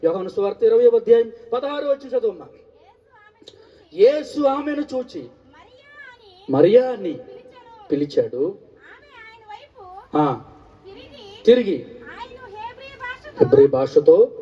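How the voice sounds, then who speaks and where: A man's voice: high voice, expressive, takes it slowly, long pauses, recorded from a distance, lo-fi sound. A male pastor preaching a sermon, calling out to the congregation and repeating key phrases for response.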